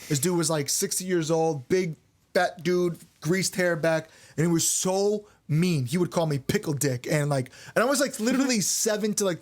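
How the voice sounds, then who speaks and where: A man's voice: on the high side, a little mellow. Casual, swearing young male frontman. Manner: loose and candid, swears freely, lots of "like". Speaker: band frontman and podcast co-host. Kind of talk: casual storytelling on a podcast.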